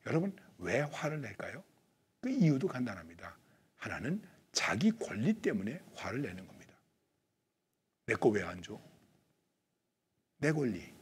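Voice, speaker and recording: Husky, animated male preacher. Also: mid-range voice. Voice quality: very husky, breathy. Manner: animated, swings between loud emphatic lines and dropped near-whispers; asks the listeners rhetorical questions. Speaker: pastor. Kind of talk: sermon.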